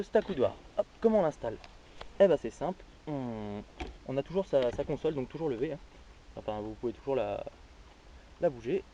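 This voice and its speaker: Guy doing a diy car how-to, mellow voice, lots of uh, dull lo-fi camera sound with a bit of hiss. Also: medium pitch. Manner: hesitant, many fillers and restarts. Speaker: amateur car DIY tutorial maker. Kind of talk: casual step-by-step how-to.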